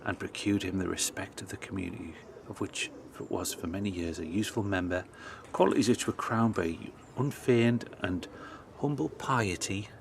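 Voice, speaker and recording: A man's voice: low voice, normal speed, creaky, hardly any pauses. A middle-aged man walking a churchyard for his history vlog, talking with enthusiasm and reading old inscriptions aloud. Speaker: history vlogger. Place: outdoor churchyard. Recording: noisy outdoor recording with birds.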